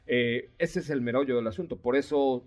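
A man's voice: mid-range voice, normal speed. Joking Mexican man hosting car radio. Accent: Mexican Spanish. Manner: joking, chatty storyteller. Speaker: host. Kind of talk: casual radio show chat.

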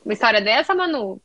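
A Brazilian woman co-hosting a casual podcast, reflective and quick to laugh. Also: high voice, a bit bright, muffled recording. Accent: Brazilian Portuguese.

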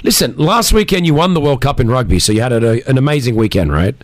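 A man hosting breakfast radio, teasing his guests and bantering in a chatty, animated way on a studio mic. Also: mid-range voice, fast, a crowd in the background. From Australia. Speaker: radio host.

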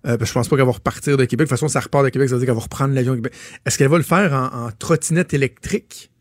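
Joking Quebec French radio host, dry sound. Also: male voice, mid-range voice, rapid-fire, no echo. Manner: joking, rambling with restarts. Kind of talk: casual chat.

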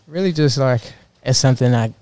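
A young man, a clothing designer, answering interview questions in a soft-spoken way full of "like" fillers. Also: medium pitch, fairly quick.

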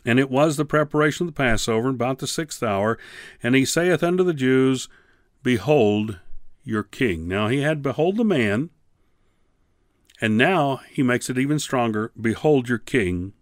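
A man teaching a radio Bible lesson, reading scripture in slow, measured phrases and then commenting with emphatic rises on key words. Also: medium pitch, animated, no room sound, clean studio sound.

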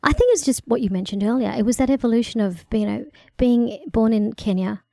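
A woman's voice: a little high, brisk, gravelly, dark tone, dry recording, studio quality. A middle-aged woman with a country Victorian Australian accent, answering interview questions in an articulate, wry way. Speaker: guest, cross-cultural consultant.

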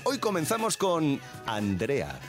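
A man's voice: fairly high pitch, huge pitch swings, takes it slowly, soft background music. A man hosting a morning radio show in an upbeat, playful way. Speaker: radio host.

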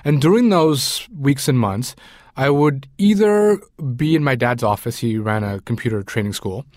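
This interview guest, a man in his forties from Sri Lanka who writes about food, talks in a relaxed way with frequent ums and uhs. He has an expressive, slightly mellow mid-range voice at a moderate pace, recorded cleanly in a studio without echo.

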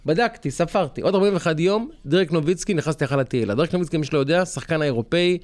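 Animated man, podcast co-host. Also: fairly high pitch. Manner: animated, emphatic storytelling. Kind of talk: casual chat.

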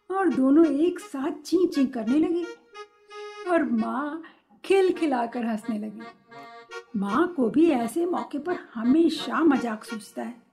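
Slow high-voiced woman storyteller. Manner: slow, expressive reading. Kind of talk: read-aloud story narration. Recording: soft instrumental music behind. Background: faint music.

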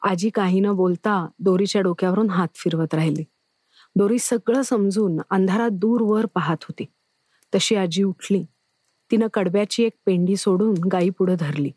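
A woman narrating a story in a calm, measured reading voice. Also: mid-range voice, no room sound, studio quality.

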